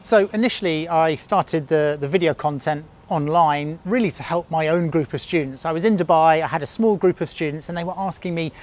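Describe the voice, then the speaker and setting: A woman in her thirties, a padel coach, explaining the sport in a clear teacherly way during an interview. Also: sits low, brisk, hardly any pauses, darkish tone, slight background noise. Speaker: padel coach and online video creator.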